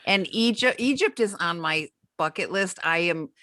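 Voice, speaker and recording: A woman co-hosting a casual interview, excitable and animated. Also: moderate pace, no room sound, clean studio sound. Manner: excitable and animated, jumps up in pitch. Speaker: co-host. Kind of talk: casual podcast interview chat.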